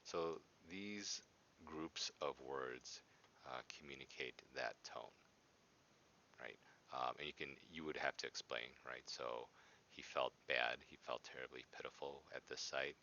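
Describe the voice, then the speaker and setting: A dull, lo-fi recording of a male teacher with an extremely low but bright, forceful voice. He walks through a lesson informally, explaining in a hesitant way and checking in as he goes. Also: measured pace, slight background noise. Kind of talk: informal lesson walkthrough of a reading passage. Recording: dull, lo-fi sound.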